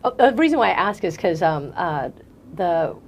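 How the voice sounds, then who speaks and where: A woman's voice: fairly low pitch, very animated, moderate pace, a little hiss or hum. A woman hosting a casual interview, chatty and hesitant, with lots of fillers and restarts. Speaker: interview host.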